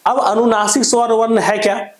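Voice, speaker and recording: A man's voice: high voice, level tone, normal speed. A man teaching a grammar lesson, often asking a question and answering it himself, repeating each point. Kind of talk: classroom-style grammar lesson. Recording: echoey room.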